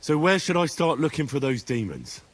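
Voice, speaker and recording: A man's voice: a little high, very animated, moderate pace. An actor playing a blunt, wry young male hero in a video game, dry and skeptical. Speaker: game protagonist.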